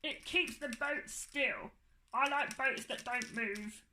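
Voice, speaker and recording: A woman voicing a cheeky, hungry puppet creature boy, talking in a squeaky, silly way. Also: pushed and bright, echoey room, slight background noise, heavily acted. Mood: playful. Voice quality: squeaky, high cartoonish voice. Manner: silly, greedy, quick to sulk.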